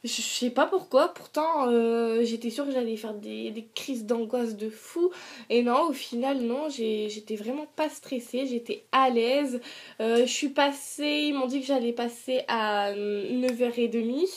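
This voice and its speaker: Higher-voiced young woman telling a personal story. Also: a little slow. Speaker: vlogger. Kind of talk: casual personal storytelling to camera.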